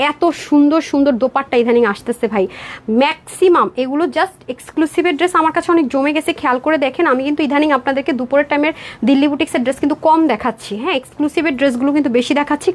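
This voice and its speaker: A woman from Bangladesh hosting a live online sale, talking viewers through dresses in a quick, persuasive patter. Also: high-pitched. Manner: rapid persuasive patter, addresses viewers as sister, mixes English words. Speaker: online clothing seller on a live stream. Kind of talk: live sales pitch. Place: indoor room with a door, modeling a dress.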